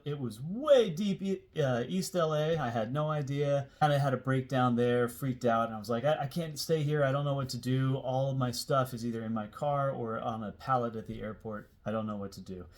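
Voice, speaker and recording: An American host in his forties from the Seattle area tells a personal story in a casual, conversational way. His mid-range voice rambles informally, as if he's chatting with viewers he knows, and he stresses key words as he goes.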